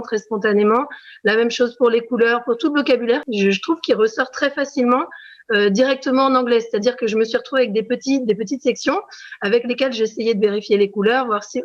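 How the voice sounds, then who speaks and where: A French preschool teacher gives a spontaneous testimonial interview, full of hesitations and fillers. Her voice is on the high side, and the recording sounds muffled.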